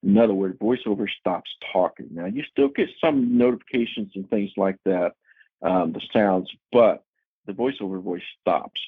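Man, low husky voice, casual explanatory talk, tinny phone-like sound. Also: sing-song, normal speed, dry recording. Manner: chatty, explanatory, with frequent fillers. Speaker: guest presenter at a technology user group. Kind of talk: casual presentation.

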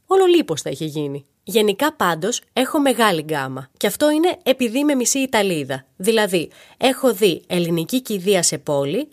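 Lively woman telling darkly comic stories. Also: fairly low pitch. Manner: playful, animated, talks straight to the listener. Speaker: podcast host. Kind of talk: comedic storytelling monologue.

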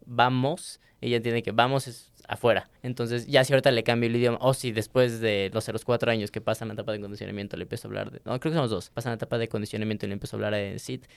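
Smooth, gravelly young man. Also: lowish voice, steady tone, very fast, hardly any pauses, no echo. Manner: frequent back-channel "ujú", explains in a thoughtful, hedging way. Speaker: audio engineer. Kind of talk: casual podcast conversation. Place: small podcast studio. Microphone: studio microphone.

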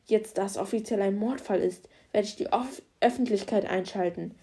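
Woman reading determined police officer, firm, commanding, reassuring, mellow, mid pitch, audiobook. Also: moderate pace, close to an everyday voice. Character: determined male police officer, caring and driven.

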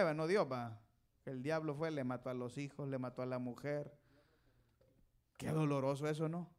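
Preacher guy, high-ish voice, jokey, goes loud then quiet. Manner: folksy, teasing, calls out to the congregation; swings between loud and soft. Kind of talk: sermon.

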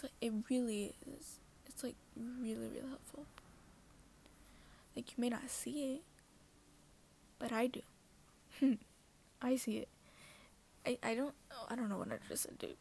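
A woman's voice: a little high, a little mellow, a little hiss or hum. Rambling half-whispering young-sounding woman. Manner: rambling, self-conscious, apologetic. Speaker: podcast host. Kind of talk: casual solo talk.

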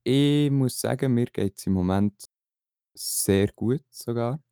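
A man's voice: mid-range voice, slow pace, mellow, smooth, no echo, clean studio sound. A young man, chatting casually as a podcast co-host. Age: late teens.

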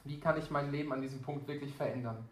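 A man's voice: on the high side, fairly even intonation, fast. A young man giving an earnest, conversational sermon with frequent fillers. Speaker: preacher. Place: church hall. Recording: echoey church hall.

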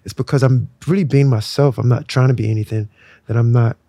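Gravelly-voiced Nigerian-born man, relaxed. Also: mid-range voice, fairly quick, no echo. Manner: relaxed, reflective, filler-heavy. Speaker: musician guest. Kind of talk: casual interview talk.

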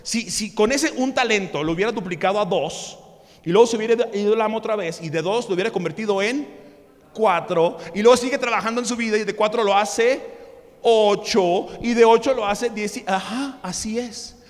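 A man's voice: high-pitched, moderate pace. A man preaching a sermon, telling stories animatedly and often stammering as he restarts his sentences. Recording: long hall reverb.

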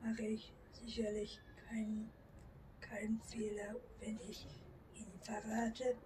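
Woman reading a novel, whispery and slow, stumbles a bit, noisy far-off mic. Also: a little high, completely flat delivery. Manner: soft, often whispered, halting with restarts. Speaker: reader. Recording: distant mic with audible background noise.

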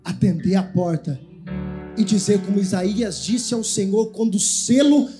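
High-voiced preaching pastor. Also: male voice, moderate pace, over music. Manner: preaching with call-and-response commands to the congregation. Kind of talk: sermon. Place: church.

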